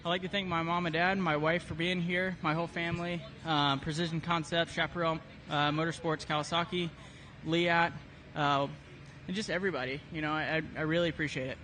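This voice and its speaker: A man's voice: on the high side, fairly even intonation, fairly quick, bright, forceful tone. A man giving a candid, casual, matter-of-fact post-race interview. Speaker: racer being interviewed. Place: outdoors at a race track. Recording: clear outdoor vehicle and ambience noise.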